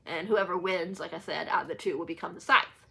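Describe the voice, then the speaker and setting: Hosting a read-along, a book vlogger chats to her viewers off the cuff, rambling and correcting herself along the way. Her voice is lowish, quick, gravelly and bright, with a forceful delivery and a breathy edge.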